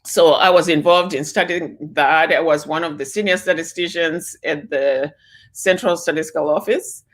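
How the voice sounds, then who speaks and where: Speaking at normal speed in a low voice, a Zimbabwean-born and -raised woman in her sixties responds to interview questions on a video call as a guest, using many fillers and frequently starting over.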